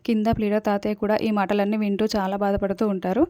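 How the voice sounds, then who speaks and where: A woman's voice: mid-range voice, level tone, fast talker, dark tone, dry recording. Female recap narrator, plain storytelling, dry close sound.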